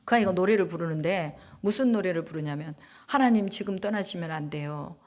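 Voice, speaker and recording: A woman's voice: on the low side, a little fast, darkish tone. A middle-aged woman missionary preaches in an easy, conversational way. She keeps asking her listeners questions and answers them herself. She often acts out prayers in the voices of the people she talks about. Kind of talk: sermon.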